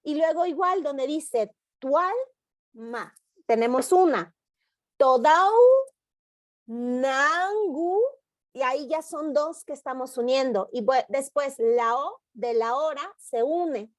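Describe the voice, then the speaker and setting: A woman teacher giving an online workshop lesson on poetry analysis over a video call, explaining patiently and reading poem lines aloud slowly. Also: high-pitched, dry recording, clean studio sound.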